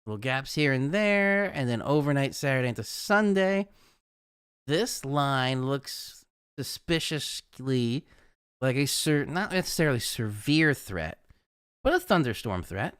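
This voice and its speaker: Male weather host for a live stream, animated and smooth, talks on freely in a casual way. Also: mid-range voice, unhurried, no room sound, clean studio sound. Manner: chatty, rambling, laughs at his own jokes. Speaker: weather forecaster hosting a livestream.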